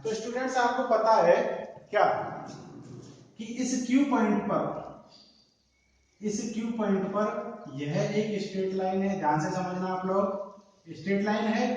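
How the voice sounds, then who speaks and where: A man's voice: high-pitched, a little mellow, muffled recording. A man teaching a maths lesson, often asking the class questions and answering them himself. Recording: echoey room, distant from mic.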